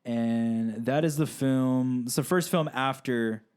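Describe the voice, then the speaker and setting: A man talks through a film ranking in a loose, casual way. He rambles, with many fillers and restarts, in a voice of middling pitch. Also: takes it slowly, a little mellow, clear, resonant tone. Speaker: podcast co-host.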